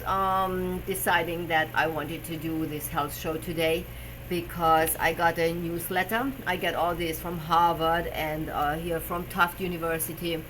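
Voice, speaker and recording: Over a noisy background, a woman with a German accent and a voice on the low side hosts a casual live stream as a personal trainer. She chats about health, using frequent fillers as she hunts for English words.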